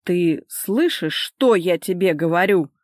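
A woman's voice: medium pitch, animated, normal speed, dry recording, clean studio sound, natural voice. A woman voicing a stern grown man who speaks in a clipped, controlled way.

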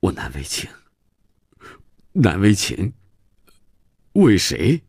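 A man voicing a young boy who shouts in fury and sobs in distress, with shrill outbursts. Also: huge pitch swings, extremely slow, gravelly, slightly rough, no echo, clean studio sound, exaggerated voice. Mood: tearful. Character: young boy, angry then tearful.

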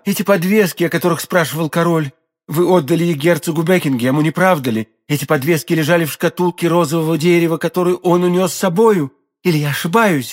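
A man's voice: fairly high pitch, natural voice. A man reading an audiobook, voicing an earnest, devoted young woman who serves the queen. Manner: earnest, fervent.

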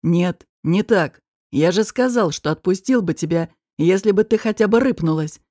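A domineering man stalks and taunts, as a woman narrator puts him on, his voice dropped low and threatening. The tone is dark and mellow, and the mockery comes slowly. It is recorded close and dry, with no room sound. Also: no echo, close to an everyday voice. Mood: menacing. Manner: low, slow, threatening and mocking. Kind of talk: audiobook character reading.

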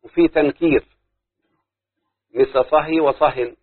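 A man's voice: a little high, fairly even intonation, a little slow, breathy edge, dry recording. Egyptian guy teaching grammar to a class, asks them stuff, tinny dry phone-ish audio. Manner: explains step by step, quizzes the class with questions. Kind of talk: classroom lesson on Arabic grammar.

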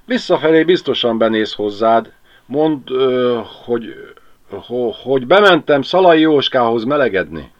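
A man doing a gruff cocky village husband. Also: mid-range voice, expressive, lo-fi sound, pitched above the performer's own voice, lightly acted. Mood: flustered.

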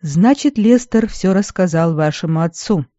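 A woman reading the part of a stern, wry, injured adult stepmother in an audiobook, with a gruff, sardonic manner. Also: fairly low pitch, animated, normal speed, warm tone, dry recording, close to an everyday voice. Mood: stern, dry. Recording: dull lo-fi recording.

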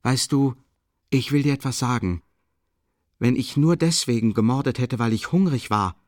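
A man's voice: fairly low pitch, moderate pace, no echo, close to an everyday voice. Tormented young man, read by a male narrator, agitated and bitterly mocking; dry close audiobook sound. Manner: agitated, musing half aloud, bitter mockery.

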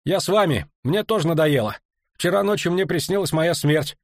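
A man's voice: fairly high pitch, animated, normal speed, dry recording, studio quality, voice pushed up. A man reading an audiobook, voicing a fed-up, frightened soldier speaking out agitatedly. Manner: shouting, agitated.

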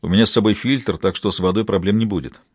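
A man reading a calm, clipped mountain guide. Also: lowish voice, fast, husky, no room sound. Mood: urgent. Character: steady male mountain guide. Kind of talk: audiobook dialogue.

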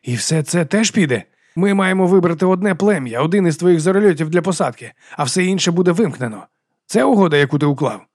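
A man voicing a hoarse, desperate man holding his mentor at gunpoint, his voice pushed up well above the narration, louder and pleading. He sounds strained and accusing, recorded close and dry. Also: fairly high pitch, steady tone, quick pace, dry recording. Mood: demanding. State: hoarse, burning throat. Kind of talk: audiobook character voice.

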